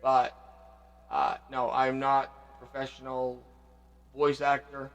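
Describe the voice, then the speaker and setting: A man hosting a vlog, reminiscing casually and reflectively, often trailing off quietly. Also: medium pitch, monotone, takes it slowly, long reverb tail, muffled recording. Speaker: vlog host paying tribute to his father. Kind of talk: casual spoken reminiscing between songs.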